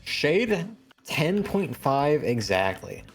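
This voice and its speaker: A man's voice: fairly high pitch, sing-song, very slow. Guy running a tabletop game w friends, swears a lot, voice jumps all over, bit of music behind. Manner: sweary, exclamatory. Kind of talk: casual group banter on a streamed game.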